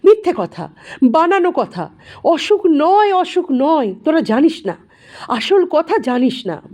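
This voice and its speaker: High, swooping voice from a woman narrator, a distraught mother in an audio story, wailing and raving, mellow tone. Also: animated, takes it slowly. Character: distraught mentally ill middle-aged mother.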